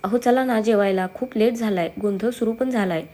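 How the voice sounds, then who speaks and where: A woman's voice: a little high, fairly quick, dark tone, natural voice. A woman voicing a pleading, pouty young wife with a childlike manner.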